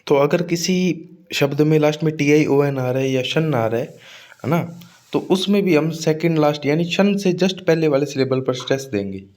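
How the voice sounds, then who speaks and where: A man teaching an exam-prep English pronunciation lesson, speaking slowly and drawing words out to show stress, with frequent check-ins to his students. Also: a little high, lively intonation, darkish tone. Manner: adds frequent tag checks like "ठीक है" and "है ना".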